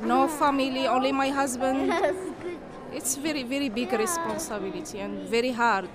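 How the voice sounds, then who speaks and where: A woman from Morocco, speaking English as a second language in simple, slow phrasing, recorded outdoors at an event. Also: high-pitched, a loud crowd. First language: not English. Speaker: interviewee.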